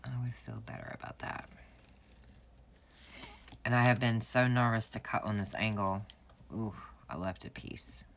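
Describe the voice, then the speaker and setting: A woman's voice: extremely low pitch, animated, measured pace, gravelly, pauses often, a little hiss or hum. A woman, chatting and telling stories while setting up her planner at home. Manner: chatty, storytelling, laughs often. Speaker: planner vlogger. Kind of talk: casual chat while crafting.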